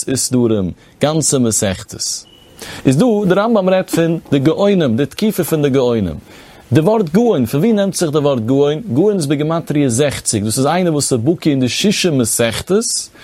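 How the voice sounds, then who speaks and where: A man's voice: fairly high pitch, darkish tone, dry recording. A man teaching a religious text, reading Hebrew phrases in a chanting cadence and then explaining them. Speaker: Torah teacher.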